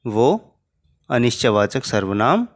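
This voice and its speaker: A man's voice: mid-range voice, sing-song, slow. A man teaching a Hindi grammar lesson to children, patiently spelling out each example.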